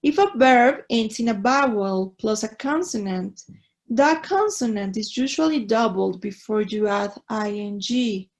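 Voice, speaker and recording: Slow, gravelly Mexican woman teaching. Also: fairly high pitch, expressive. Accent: Mexican Spanish. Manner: patient, explaining step by step, checks in with students. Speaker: English teacher. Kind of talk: online class, reading and explaining in two languages.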